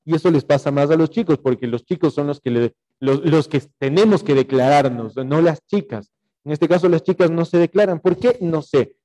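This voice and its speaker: Teaching over a video call, a young Ecuadorian-accented man explains material and dictates notes, peppering his speech with fillers and rhetorical checks. His voice sits on the high side and is mellow, at a moderate pace.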